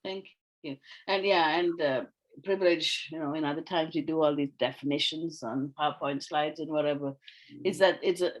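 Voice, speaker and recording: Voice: medium pitch, fairly even intonation, moderate pace, rough recording. A facilitator from Sri Lanka leading an online workshop discussion over a video call, speaking thoughtfully with frequent fillers and restarts.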